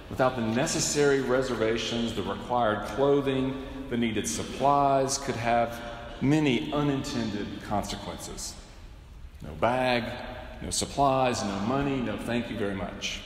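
A middle-aged man preaching a sermon from a cathedral pulpit, measured and wryly humorous, often asking rhetorical questions. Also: medium pitch, a little hiss or hum. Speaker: bishop preaching. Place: large cathedral, indoors. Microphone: pulpit microphone. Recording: echoey cathedral with long reverb.

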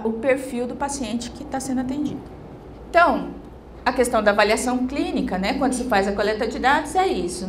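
A woman's voice: a little high, a little hiss or hum. A middle-aged woman giving a conference lecture into a handheld mic in a large hall, explaining step by step and checking in with tag questions.

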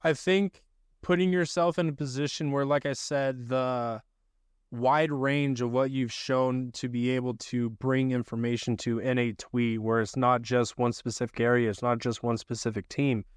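A man's voice: medium pitch, level tone, moderate pace, clean tone, dry recording. A young man hosting a casual video-call podcast interview, asking loose, filler-heavy questions from his home studio. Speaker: podcast host. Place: home studio room with desk. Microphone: studio mic on boom arm.

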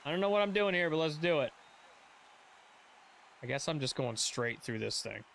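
A man's voice: on the high side, expressive, normal speed, creaky, fairly bright tone. A man streaming a video game, giving casual, joking commentary and cheering on his teammates. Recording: game music behind the voice.

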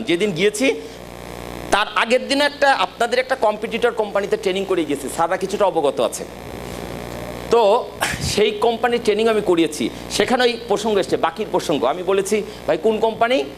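A man with a high voice gives a sales training talk to staff. He speaks emphatically and directly, often asking if his point is clear. Faint noise sits behind him. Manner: emphatic, direct, repeatedly checks the audience understands.

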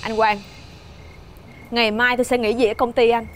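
A woman's voice: fairly high pitch, level tone, normal speed, soft background music, natural voice. An actress with a Southern Vietnamese accent playing a worried, protective single mother in a TV family drama. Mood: cold. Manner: urgent, pleading, then firm and cool. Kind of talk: television drama acting.

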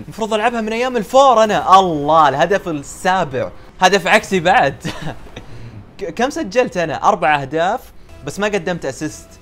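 A young man commentating his own car soccer match at a rapid clip. His voice sits high and jumps up when he gets excited, and he teases his teammates. A faint hiss runs under the recording. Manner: excitable, shouts at goals, trash-talks teammates. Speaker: gaming YouTuber. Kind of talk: live gameplay commentary.

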